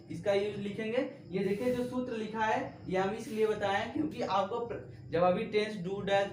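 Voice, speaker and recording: A man's voice: high voice, a little hiss or hum. A male teacher giving a classroom grammar lesson, asking the class question after question and spelling words out letter by letter. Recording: echoey room, voice from a distance.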